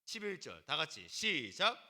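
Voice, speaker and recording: Animated, bright-voiced male youth pastor. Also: a little high, normal speed. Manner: animated, teasing, acts out quotes and calls on students by name. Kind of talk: lively youth sermon.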